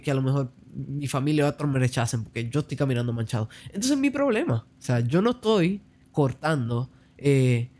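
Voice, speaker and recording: A man with a somewhat high voice talks through a theological point in a relaxed, conversational way. He leans on fillers and keeps checking in with his listener. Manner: explains with many fillers and tag questions.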